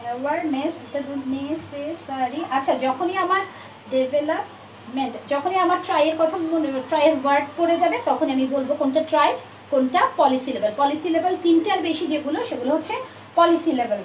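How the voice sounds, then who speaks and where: A woman's voice: high-pitched, a little fast. A woman English teacher with a Bangladeshi accent in English, giving an online class, mixing English into her talk and calling students dear, with frequent filler sounds. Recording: echoey room, distant mic, faint noise.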